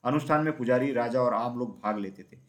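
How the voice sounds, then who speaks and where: Male storybook narrator, steady and even, mid-range voice. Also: medium pitch, fairly quick. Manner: steady, even reading with small slips.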